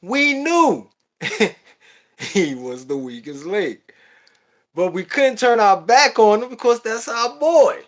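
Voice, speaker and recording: A man hosting a livestream, telling a story in an animated, profane, casual way. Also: high voice, slow pace. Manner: animated and profane, laughing at his own story. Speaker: livestream host.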